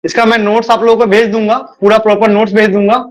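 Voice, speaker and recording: A man's voice: high voice, flat delivery. A man teaching a math class, repeating himself and calling the students beta. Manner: admits speaking fast. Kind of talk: live online class lecture.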